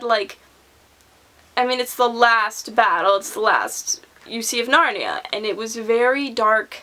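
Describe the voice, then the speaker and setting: A woman's voice: on the high side, sharp tone. A young woman vlogger giving a casual, rambling book review, full of fillers and restarts. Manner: chatty, rambling, frequent "like" and restarts.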